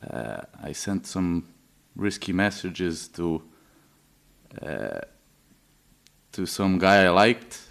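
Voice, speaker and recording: This deep, gravelly voice belongs to a Serbian man in his twenties being interviewed. He gives a personal testimony haltingly, with plenty of fillers and false starts.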